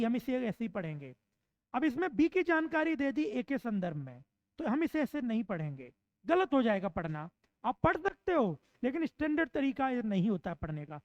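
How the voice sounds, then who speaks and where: Woman teacher, high voice, exam-prep lecture; asks and answers her own questions, dull dry lo-fi sound. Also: no room sound. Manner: repeats points slowly to drill them in. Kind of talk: online classroom lecture. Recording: dull, slightly lo-fi dry recording.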